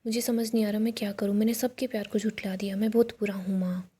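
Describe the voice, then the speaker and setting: Remorseful young man, pleading and half-whispered, read by a husky-voiced woman. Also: medium pitch, flat delivery, fast talker, warm tone, close to an everyday voice. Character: grieving young man begging his mother's forgiveness.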